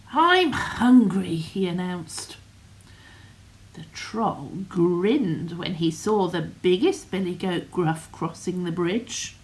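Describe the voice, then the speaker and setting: Older lady reading a bedtime story, slow and soft, half whispering lots, middle pitched. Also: low-quality recording.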